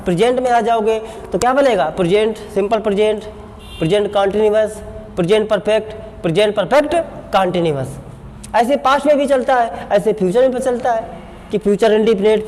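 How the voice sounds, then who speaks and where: A man's voice: high-pitched, a little mellow. A male English teacher, lecturing a class and asking questions that he answers himself. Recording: echoey classroom with faint background noise.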